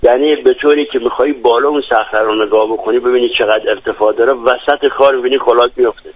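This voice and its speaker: A man's voice: medium pitch, fairly even intonation. A man from Lorestan, a radio guest who describes his home village eagerly, with frequent hesitations. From Lorestan, Iran. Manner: enthusiastic, descriptive, many hesitations. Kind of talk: radio interview. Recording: dry, dull lo-fi radio sound.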